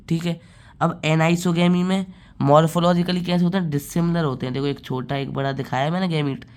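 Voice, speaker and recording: A man giving a biology lecture, asking rhetorical questions and repeating key terms slowly. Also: a little high. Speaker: biology teacher. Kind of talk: classroom lecture.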